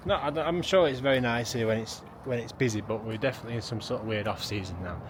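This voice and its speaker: Young man, casual travel vlogger, rambling and chatty, recorded on a phone with street noise clearly behind him. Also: mid-range voice, quick pace. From England. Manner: chatty, rambling, full of restarts and fillers. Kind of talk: casual travel vlog narration. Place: outdoors in a small town and in a car. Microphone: phone camera.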